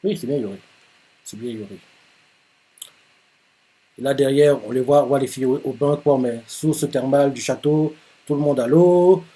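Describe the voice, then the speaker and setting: A man hosting a live manga reaction, retelling the chapter excitedly with lots of fillers and laughter, his voice jumping up high when he jokes. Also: normal speed, long pauses. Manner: jumps up high when joking.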